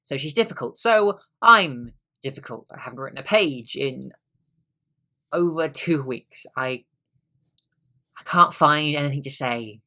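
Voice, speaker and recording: Brooding middle-aged husband played by a young man; bright tone, wry, drifts into quiet asides. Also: mid-range voice, lively intonation, measured pace. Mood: weary. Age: young adult. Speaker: student actor. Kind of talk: stage monologue.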